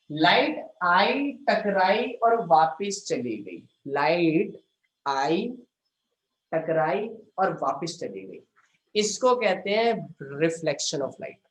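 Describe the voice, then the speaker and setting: A young man teaching a recorded online science class, stressing key words slowly and often asking students whether they understood. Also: high-pitched, sing-song. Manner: emphatic, drawn-out key words. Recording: echoey room.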